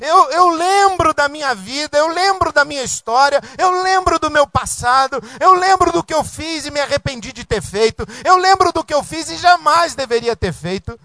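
A man's voice: very high voice, animated, normal speed, hardly any pauses, bright, forceful tone, no room sound. A man preaching a sermon as pastor, in an emphatic, repetitive cadence.

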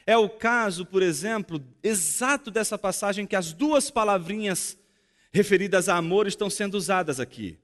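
A man with a Brazilian Portuguese accent preaching a sermon as a pastor, expressive and fond of rhetorical questions. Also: high voice, normal speed, big-room sound. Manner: expressive, acts out dialogue and asks rhetorical questions.

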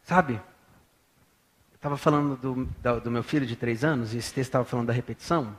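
A pastor in his thirties from Brazil preaching a sermon in a church, swinging from hushed talk to loud bursts. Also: mid-range voice, a little fast.

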